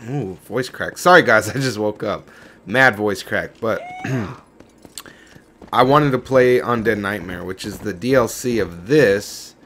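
A man's voice: on the low side, a little slow, a bit bright, slight background noise. A young man hosting a let's-play video, chatting casually with rambling, profane commentary. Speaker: gaming channel host.

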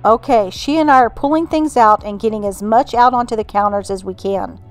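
Calm woman narrating home organizing. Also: on the high side, a little fast, soft background music. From Texas. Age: middle-aged. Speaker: home organizing channel host. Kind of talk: scripted voice-over narration.

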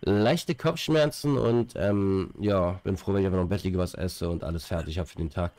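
Here a gaming streamer with a deep, darkish voice speaks at a moderate pace in a dry recording. He's a young man with a cold-stuffed nose, rambling casually on a headset during play with fillers and repeated words.

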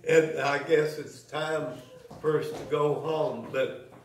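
Slow, chuckling church man. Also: fairly high pitch, steady tone, slight background noise. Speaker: closing speaker at a church service. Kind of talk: folksy church exhortation. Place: church sanctuary. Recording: echoey church from a distance.

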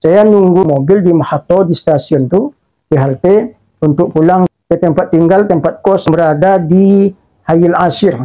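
A middle-aged man preaching, recounting his own story with hesitations and fillers. His voice sits a little high, with a dark, mellow color. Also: poor audio. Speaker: Islamic preacher. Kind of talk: storytelling sermon.

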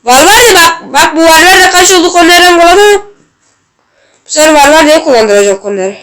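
A woman hosting a gaming channel, giving gameplay commentary in an excitable way and yelling at the referee, and she is a little ill. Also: very high-pitched, fairly quick. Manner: excitable, shouts at the game and referee. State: slightly ill.

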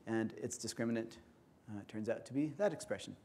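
Mellow-voiced man lecturing in an auditorium. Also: lowish voice. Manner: measured, explains step by step. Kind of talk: academic conference lecture.

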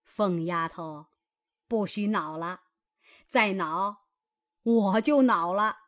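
A man's voice: high-pitched, slow pace, a bit bright, voice pushed up. A man voicing a stern, commanding old grandmother who scolds her grandson. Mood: teasing.

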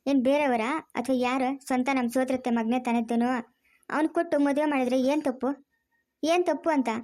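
A woman's voice: high-pitched, steady tone, a little mellow, close to an everyday voice. A woman voicing an argumentative grown daughter in a cartoon family drama, pleading and insistent. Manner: pleading, insistent, fast-talking.

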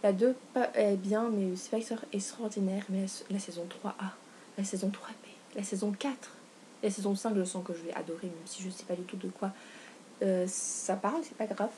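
A young woman chatting casually in a book haul vlog, gushing and excitable, full of fillers and self-corrections. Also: mid-range voice, moderate pace. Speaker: book vlogger. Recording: faint background noise.

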